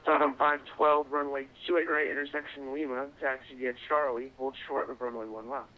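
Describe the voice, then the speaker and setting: A man's voice: mid-range voice, fairly even intonation, a little fast. Tinny-radio male air traffic controller. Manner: clipped procedural phrasing, courteous. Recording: tinny narrow-band radio voice link.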